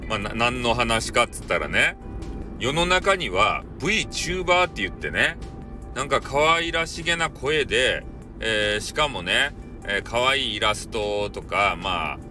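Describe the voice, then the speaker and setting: A man with a Kyushu Japanese accent rambling casually on a solo show, in a playful mix of mock-polite phrasing and dialect, recorded at some distance from the mic. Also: lowish voice.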